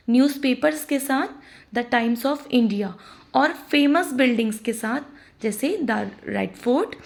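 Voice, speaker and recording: A woman with an Indian accent teaching an English grammar lesson, deliberately spelling out each example sentence. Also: a little high, creaky, a little mellow. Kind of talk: scripted explainer lesson.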